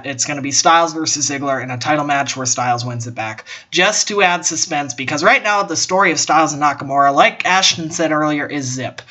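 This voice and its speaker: A young man hosting a casual wrestling chat, opinionated and animated, swearing casually as he makes his picks. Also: on the high side. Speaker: podcast host.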